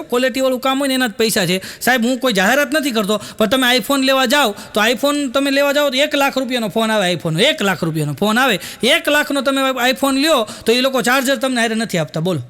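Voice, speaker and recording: A man's voice: extremely high pitch, fairly bright tone. A man telling folksy jokes to a live audience, acting out the people in his stories. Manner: folksy storyteller, acts out quoted characters. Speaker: stand-up comedian.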